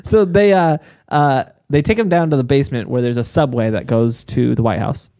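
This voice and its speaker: A man's voice: mid-range voice, moderate pace, background noise. A man co-hosting a podcast, telling a story in casual chat and laughing often. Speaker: podcast co-host.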